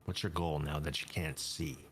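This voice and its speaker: A man's voice: extremely low pitch, steady tone, a bit bright, faint music behind. A man running a tabletop role-playing game as game master, talking casually with many fillers and restarts. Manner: casual, halting, full of fillers.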